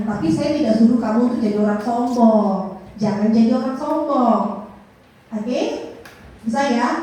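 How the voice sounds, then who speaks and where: A woman leading a public speaking workshop at a school, lively and coaxing, often asking the class questions. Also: high voice, a little hiss or hum. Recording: echoey room, voice from far off.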